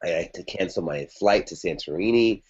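A man's voice: deep voice, normal speed, slightly rough. Man rambling through a story, dull audio. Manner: rambling, conversational, many fillers and restarts. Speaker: podcast guest. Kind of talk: casual storytelling about a past relationship.

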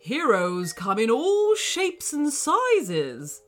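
A woman's voice: sits high, wildly swooping pitch, extremely slow, soft background music, heavily acted. A woman voicing a proud old male wizard trapped inside a racing car, with a grand, kindly storybook delivery. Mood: warm, grand.

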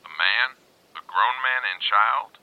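A man's voice: lowish voice, slow pace, dry recording. An actor playing a folksy, plainspoken male ranger who talks bluntly over a radio. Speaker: ranger at the station. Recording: muffled radio transmission.

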